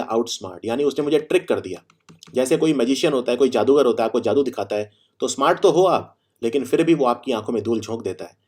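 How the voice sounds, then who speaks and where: A man teaching vocabulary. He explains each word through everyday examples, repeats key phrases, and reads the example sentences slowly and deliberately. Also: mid-range voice, a little mellow. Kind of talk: Hindi-English vocabulary lesson.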